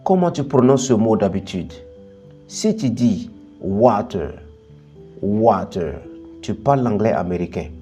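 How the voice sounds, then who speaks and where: A man hosting a bilingual English lesson, explaining pronunciation and slowly modelling word pairs one after another. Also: lowish voice, very animated, dark tone, soft background music. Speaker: English teacher, channel host.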